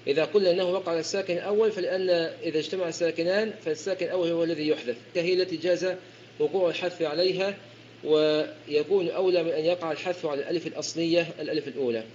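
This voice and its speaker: Fast-talking man lecturing, lo-fi sound. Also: on the high side, steady tone, a little mellow. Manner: repeats and self-corrects while explaining. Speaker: teacher of Quran recitation. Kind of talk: explanatory lecture on recitation rules. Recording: dull lo-fi recording with faint hiss.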